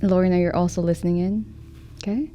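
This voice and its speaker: A woman narrating a tabletop role-playing game as game master, unhurried and full of pauses. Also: on the low side, steady tone, mellow, highs cut off, soft background music. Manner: slow, unhurried, with fillers.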